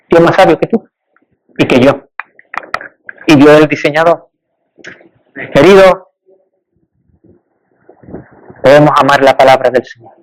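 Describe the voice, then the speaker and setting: High-voiced man preaching emphatically. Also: low-quality recording. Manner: emphatic, rising on repeated rhetorical lists. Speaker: pastor. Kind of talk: sermon.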